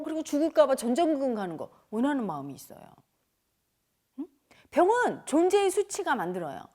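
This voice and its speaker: Lively high-voiced woman meditation teacher. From Korea. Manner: lively, acts out voices, laughs often. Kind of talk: spiritual talk to an audience.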